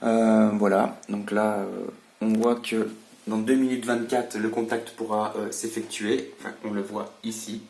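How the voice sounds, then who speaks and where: A man explaining his radio hobby in a casual, hesitant vlog style, halting as he talks. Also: fairly low pitch, flat delivery, creaky, darkish tone, slight background noise. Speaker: amateur radio hobbyist presenting.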